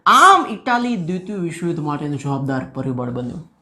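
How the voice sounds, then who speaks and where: Male teacher, lively classroom explainer who asks questions as he goes. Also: a little high, fast talker. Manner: lively, acts out quoted voices and asks students questions. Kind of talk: explaining a school history chapter.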